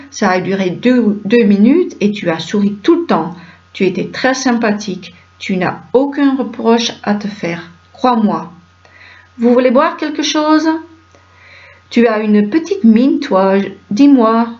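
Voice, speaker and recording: Woman reading a stage play aloud. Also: fairly high pitch. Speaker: reader of a play script. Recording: dull lo-fi recording.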